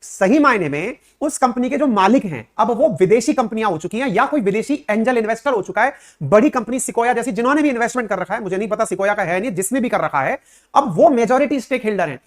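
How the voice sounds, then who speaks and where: A man with a high-sitting voice, lively intonation and quick pace teaches current affairs to his viewers. His explanations feel like a conversational lecture, packed with rhetorical questions, direct address and English words.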